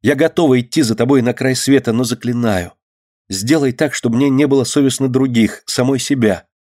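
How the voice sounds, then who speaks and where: A man reading a story aloud and voicing a gentle young woman who is devoted and pleading. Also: medium pitch, brisk, natural voice.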